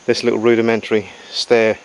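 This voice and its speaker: The speaker is a man presenting a casual survival diary to camera beside a jungle river, unscripted, methodical, and matter-of-fact. His voice sits on the low side with a level tone and a slightly fast pace, in a rough recording full of faint crickets, insects, and outdoor jungle ambience.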